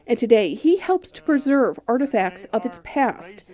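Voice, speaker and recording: A woman's voice: a little high, lively intonation, normal speed, mellow. A woman reporter reading scripted narration for a news feature.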